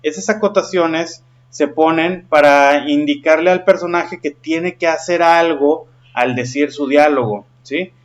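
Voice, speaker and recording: A man's voice: fairly high pitch, a little slow, few pauses. Patient man teaching. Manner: patient, checks in with frequent questions. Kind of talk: explaining a lesson.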